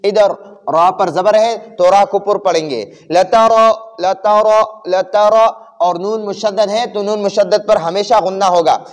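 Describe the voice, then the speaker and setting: A man from Pakistan teaches Quran recitation with a high, smooth voice. He explains each rule and then chants the verse very slowly. A long reverb trails behind every phrase. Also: steady tone, a little mellow. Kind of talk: tajweed lesson with recitation.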